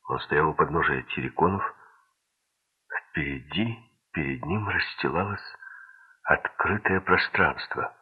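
Deep, gravelly, slow male narrator. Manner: steady, measured reading. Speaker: audiobook narrator. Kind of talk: scripted narration. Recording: tinny lo-fi audiobook recording.

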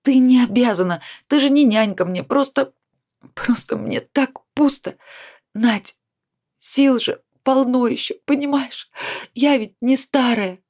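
A woman's voice: high-pitched, darkish tone, voice pushed up. A woman reading a storybook voices a drunk, despairing 42-year-old woman who whines and pleads. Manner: whiny, pleading, self-pitying.

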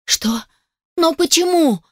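A woman's voice: fairly high pitch, moderate pace, no room sound, lightly acted. A frightened young woman, read by a female narrator, exclaims in a raised, frantic voice, close to tears. The reading is dry, close to the microphone. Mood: tearful.

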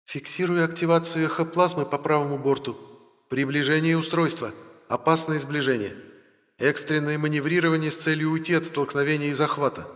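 A man reading an audiobook puts on a cold, metallic starship computer. It calls out its alerts in a flat, measured tone, pitched higher than a plain male voice. A long reverb rings behind each word, as if it comes from a dome. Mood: announcing. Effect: metallic voice with long reverb under a dome. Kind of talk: audiobook narration.

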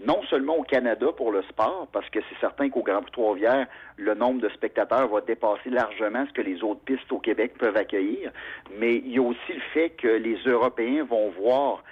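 Over phone-quality audio, a motorsport announcer from Quebec tells stories briskly in a husky, medium-pitched voice with a Québécois French accent. It's a radio interview, and he's a chatty, animated storyteller who keeps restarting and leaning on fillers.

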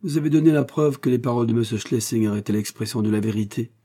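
A man's voice: medium pitch, fast talker, dark tone, natural voice. A man voicing an earnest young male student who speaks urgently and pleadingly.

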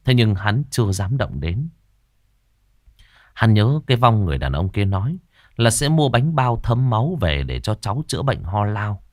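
A man reads a horror story aloud in a lowish voice with a very lively, swooping pitch. His delivery is suspenseful, and the sound is dry and close to the mic. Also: moderate pace, no room sound. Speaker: narrator. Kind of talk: dramatic horror story reading.

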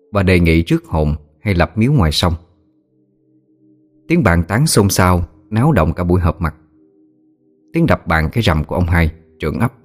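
A man reading a ghost story aloud in a slow, somber way. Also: low-pitched. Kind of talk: scripted horror story narration. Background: soft music with singing bowl.

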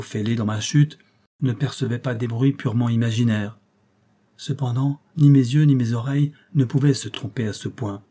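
A man reading a novel aloud in the first person, in a calm, measured way of telling the story. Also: medium pitch. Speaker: audiobook narrator. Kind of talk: scripted literary narration.

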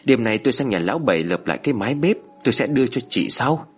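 Man voicing a calm kind young husband. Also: medium pitch, quick pace, husky. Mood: reassuring.

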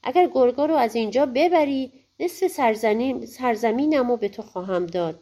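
A woman voicing a frightened king in a storybook, shouting and pleading. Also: a little high. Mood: panicked. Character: frightened old king, male.

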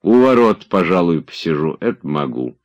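A man's voice: low voice, very animated, moderate pace. A man voicing a stubborn, grumbling old manservant who drawls his excuses. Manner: lazy, sullen, drawling.

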